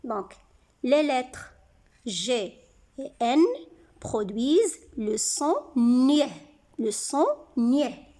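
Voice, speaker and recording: A woman teaching young children to read, sounding out syllables slowly and clearly. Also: fairly high pitch, mellow. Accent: French-speaking North African. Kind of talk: slow, deliberate reading lesson for children.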